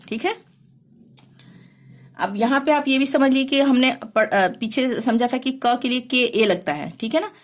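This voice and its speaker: A woman teaching a language lesson, explaining slowly and patiently, often pausing to check that the listener follows. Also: a little high. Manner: slow, repeats "theek hai" to check understanding. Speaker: Hindi teacher.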